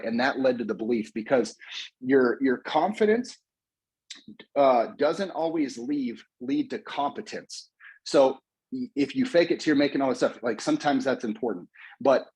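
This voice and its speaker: An American man giving an energetic, repetitive motivational pep talk to a sales team, coaching and rallying them. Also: mid-range voice, measured pace, long pauses, slightly rough, rough recording. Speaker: motivational speaker.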